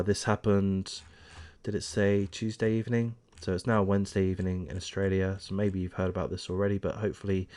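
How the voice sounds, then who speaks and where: A man hosting his own channel, giving casual, opinionated news commentary in a rambling way with many ums and uhs. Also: lowish voice. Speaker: channel host. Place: home in Australia.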